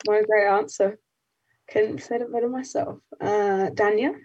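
An eighteen-year-old woman from England hosting and moderating a panel discussion in a brisk, upbeat way. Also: medium pitch, steady tone, a little mellow, highs cut off. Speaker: panel host.

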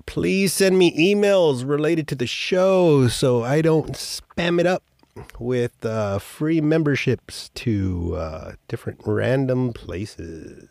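A man's voice: medium pitch, takes it slowly, vocal fry, a little mellow, no room sound, clean studio sound. A man hosting a podcast, telling a rambling story casually, with swearing and offhand jokes. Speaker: podcast host.

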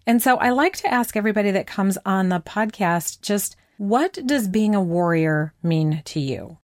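A woman's voice: medium pitch, lively intonation, moderate pace, darkish tone, no echo. A woman hosting a faith podcast, chatting casually and affirming her guest, laughing easily. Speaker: podcast host.

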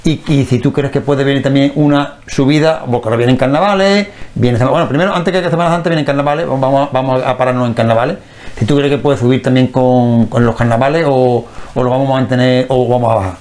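Fast-talking male host who jumps in. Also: medium pitch, fairly even intonation, darkish tone. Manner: quick interjections, stammering repeats. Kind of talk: casual radio-style conversation.

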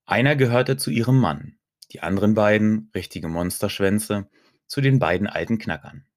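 A man reading a first-person audiobook story in a calm, even way. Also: on the low side, moderate pace, no room sound, studio quality. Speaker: audiobook narrator.

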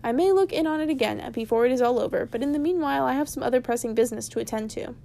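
Brisk, stern old wizard from a storybook, slightly higher voice, a woman reading him. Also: gravelly, mellow, slight background noise. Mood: lecturing. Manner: stern, lecturing. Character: old male wizard, brisk and easily cross. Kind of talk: storybook read-aloud.

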